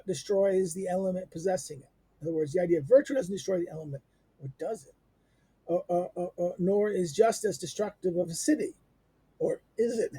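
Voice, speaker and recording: A middle-aged man giving an unscripted lecture on a text, halting with many fillers, restarts and rhetorical questions. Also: high voice, warm tone, slightly rough, no room sound.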